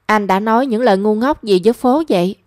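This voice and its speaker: A rueful, pleading young man from a spoken storybook, as a woman narrator reads him. His lines come in her own dry, close voice with little change of pitch, mid-height and plain. He sounds sorry for himself and keeps begging. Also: quick pace, a little mellow, no room sound, close to an everyday voice. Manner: pleading, self-reproaching.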